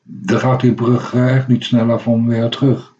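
A middle-aged radio host speaks in a warm, mid-range voice with little pitch movement at normal speed, heard on a dull lo-fi radio recording. In casual anecdotal chat, he tells a long, rambling everyday story full of hesitations and restarts.

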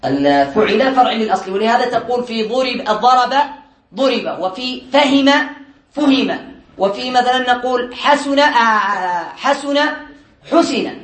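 A man teaching a classroom lesson on Arabic morphology to students, drilling word patterns by repetition, quizzing them with quick questions he answers himself, and joking lightly. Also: very high-pitched, lively intonation, fairly bright tone, reverberant. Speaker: Islamic studies teacher.

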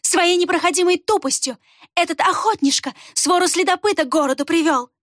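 A woman's voice: high voice, lively intonation, very slow, no echo, clean studio sound, voice pushed up, heavily acted. A woman reading an audiobook voices a cunning female fox killer who speaks venomously and sneers. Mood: venomous fury. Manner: hissing, spiteful, sneering.

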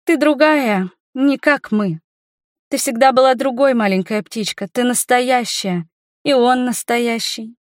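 A woman voicing a lively, impulsive young woman friend who speaks with eager, teasing exclamations in an audiobook. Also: fairly high pitch, dry recording, clean studio sound, pitched above the performer's own voice, natural voice. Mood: earnest. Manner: excited, teasing, quick to exclaim. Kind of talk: audiobook character voice.

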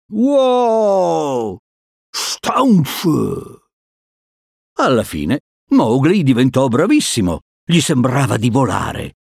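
A man reading a storybook aloud to children in an animated, sing-song way. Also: medium pitch, vocal fry, slightly rough, no echo, studio quality. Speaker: narrator.

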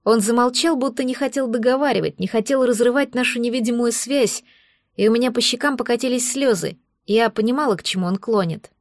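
A woman's voice: fairly high pitch, a little fast, no echo, studio quality. A woman reading a first-person fantasy audiobook with emotive storytelling. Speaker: audiobook narrator.

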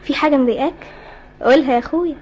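A woman's voice: high-pitched, racing, darkish tone, dull audio, close to an everyday voice. A woman playing a coaxing, worried Egyptian young woman. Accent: Egyptian Arabic. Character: affectionate young woman worried for her brother. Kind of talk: radio drama acting.

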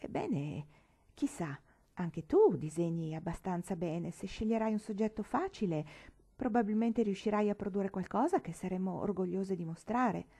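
A woman voicing a gentle, practical mother who reasons calmly with her daughters in a read-aloud novel. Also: medium pitch, normal speed, husky. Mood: calm reasoning. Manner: calm, reasoning.

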